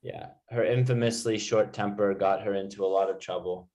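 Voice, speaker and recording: A man's voice: on the low side, steady tone, normal speed, a little mellow. A man tutoring English one to one, explaining informally with everyday examples. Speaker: English teacher.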